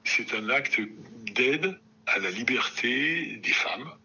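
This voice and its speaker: A man interviewed anonymously as a gynecologist, his voice altered by a voice changer, talking in a measured way with hesitant pauses. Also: medium pitch, lively intonation, vocal fry, sharp tone, slight background noise, rough recording. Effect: voice changer disguising identity.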